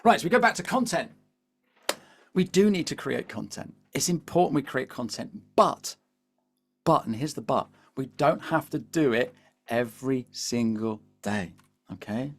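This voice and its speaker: A British man leading a live webinar as a coach, chatty and animated, constantly asking the audience to reply in the chat. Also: mid-range voice, normal speed. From Britain. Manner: peppers speech with "all right?" and "here's the thing". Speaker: LinkedIn coach.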